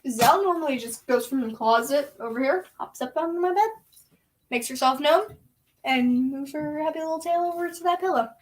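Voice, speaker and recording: A woman's voice: high-pitched, normal speed. A woman vlogging casually from a bedroom, rambling and chatty, slipping into baby talk with a toddler. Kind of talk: casual chat.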